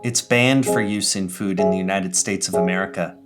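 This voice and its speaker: A man hosting and narrating a scripted explainer video in a measured, curious storytelling manner. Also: low voice, fairly even intonation. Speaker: video essayist and host. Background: guitar background music.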